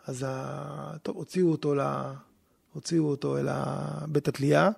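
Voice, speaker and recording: A man, a rabbi, teaching in conversation and telling stories with lively quoted voices. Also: on the high side, gravelly, husky. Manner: animated storytelling, acting out quoted voices. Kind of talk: teaching on scripture in a podcast conversation.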